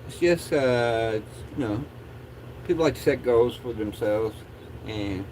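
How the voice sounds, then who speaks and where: A man's voice: mid-range voice, a little slow, a little mellow, a little hiss or hum, poor audio. A man chatting casually as a livestream host in a laid-back, rambling stoner drawl.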